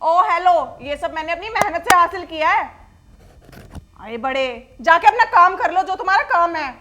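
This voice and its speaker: A woman's voice: very high voice, expressive, normal speed, pushed and bright, exaggerated voice. A woman playing an arrogant, cruel daughter-in-law who scolds in a harsh, contemptuous way. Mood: scornful.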